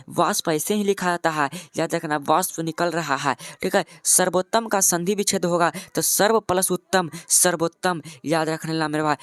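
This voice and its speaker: A man's voice: sits high, a bit bright, dry recording, studio quality. Man drilling exam answers. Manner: addresses listener as "my brother", repeats questions and answers. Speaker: exam coaching teacher. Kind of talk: exam question walkthrough.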